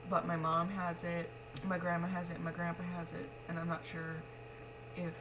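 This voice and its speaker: In a clearly noisy home recording with hum, a young adult woman who is pregnant talks frankly and casually to her vlog. Her lowish voice is monotone at a moderate pace, she rambles in a matter-of-fact way, and her speech reflects missing front teeth.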